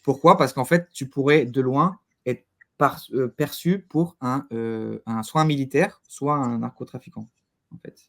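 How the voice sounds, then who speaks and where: Man talking haltingly in a casual interview. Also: mid-range voice, vocal fry, fairly bright tone. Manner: halting, repeats words while searching for phrasing. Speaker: interview guest.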